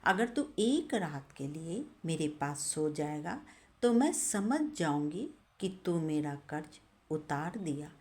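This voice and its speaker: A woman voicing a patient, loving mother in a spoken moral story, speaking gently and slowly. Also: sits low, very animated, heavily acted. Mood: gentle. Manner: gentle and pleading, then stern and reproachful. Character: patient loving old mother, firm when needed.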